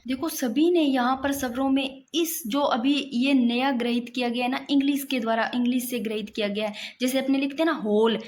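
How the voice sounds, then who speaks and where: A woman's voice: high voice, fairly even intonation, fairly quick, hardly any pauses, darkish tone. A young woman teaching Hindi grammar in a casual, insistent way, often saying "look" as she writes out examples. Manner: repeats "dekho" often, insistent and explanatory, writes while talking. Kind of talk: casual classroom explanation.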